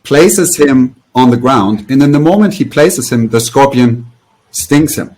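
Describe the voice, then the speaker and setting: A man who coaches yoga, speaking as an interview guest in a mid-range voice. He tells a parable in an animated way and then spells out its lesson. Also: medium pitch, unhurried. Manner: animated storyteller. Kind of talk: casual interview, storytelling.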